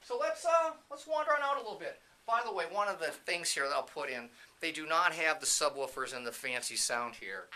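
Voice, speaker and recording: Here a training company's CEO and presenter shows visitors around an indoor video production facility, narrating casually and chattily. He speaks on the high side, expressively and fairly quickly, with a bright, forceful tone. There's light background noise with some room ambience.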